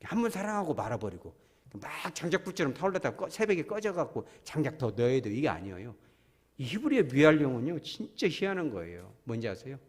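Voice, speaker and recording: A pastor preaches a sermon in a church sanctuary, the recording thick with long hall reverb. His medium-pitched, husky voice moves fast with big pitch swings, and his throat sounds strained after an illness. He speaks emphatically, keeps questioning the congregation, and breaks into sudden loud cries.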